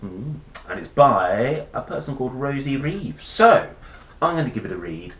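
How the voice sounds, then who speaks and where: With a medium-pitched, sing-song voice that's fairly bright and moves at a moderate pace, a man performs a picture book for children in a playful, theatrical way. He drifts into casual musing asides, and the room echoes slightly amid faint noise.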